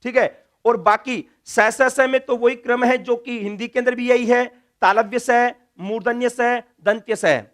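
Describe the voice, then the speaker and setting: A man's voice: very high-pitched, fairly even intonation, unhurried, fairly bright tone. A man teaching Sanskrit grammar in a classroom lecture, drilling letters one by one and answering his own questions.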